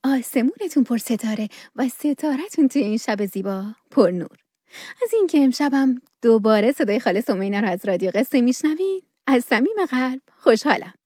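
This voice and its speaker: A woman storyteller narrating a children's bedtime story on radio, gentle and expressive. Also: a little high, no echo, clean studio sound.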